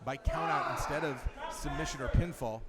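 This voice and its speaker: A man's voice: mid-range voice, normal speed, a crowd in the background. A man calling live wrestling as a commentator, with a dramatic, wordy delivery. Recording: loud background noise at live event.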